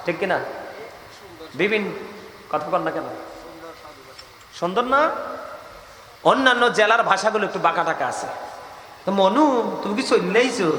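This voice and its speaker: Male preacher, high and emphatic, calls on the crowd; echoey sermon recording with noise behind. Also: sharp tone. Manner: call-and-response, prompting the crowd to answer. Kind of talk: Bengali waz sermon.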